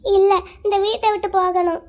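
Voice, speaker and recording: A woman voicing a shy young village woman who does not want her marriage, speaking softly and hesitantly in a cartoon. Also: very high voice, flat delivery, normal speed. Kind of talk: Tamil cartoon voice acting.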